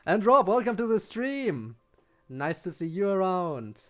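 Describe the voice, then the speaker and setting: There's faint music behind this young German man, a native speaker with an accent, as he talks with his chat during a game stream. His voice is high-pitched and very animated but a little slow, and he keeps restarting and filling pauses with ums.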